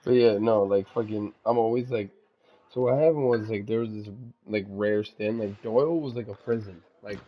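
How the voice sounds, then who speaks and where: A man's voice: on the low side, normal speed, no room sound. A young man from Ontario, Canada, chatting over a phone mic while gaming, telling rambling, profane stories that he keeps restarting. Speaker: gamer chatting with a friend. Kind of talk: casual gaming chat, storytelling. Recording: dull lo-fi voice chat.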